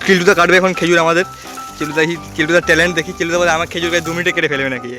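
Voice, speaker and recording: Excitable young man vlogging in a forest. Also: a little high, racing. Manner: excitable, repeats "bhai" constantly. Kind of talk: excited outdoor vlog narration. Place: outdoors in a forest. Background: music.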